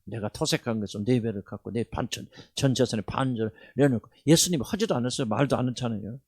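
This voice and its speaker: A middle-aged man from Jeolla with a Jeolla accent, preaching a sermon as a pastor, swinging between loud bursts and hushed asides. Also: mid-range voice, quick pace, dry recording. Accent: Jeolla dialect. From Jeolla, South Korea.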